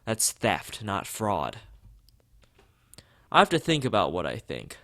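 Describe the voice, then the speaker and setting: Reading a visual novel on stream, this man voices the narration and character dialogue with very animated pitch, tossing in casual asides. His voice is fairly low and his pace slow, and when he trips over a word he just keeps going. The recording is dry.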